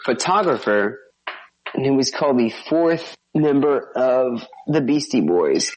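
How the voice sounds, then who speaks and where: A man's voice: medium pitch, lively intonation, a little slow, highs cut off. A man co-hosting a podcast in casual chat, joking and teasing, laughing often. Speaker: podcast co-host.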